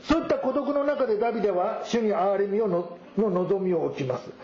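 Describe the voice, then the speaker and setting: A male pastor preaching a sermon, reading scripture verses and explaining them at a measured pace. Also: high-pitched, a little mellow. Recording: roomy echo, dull sound.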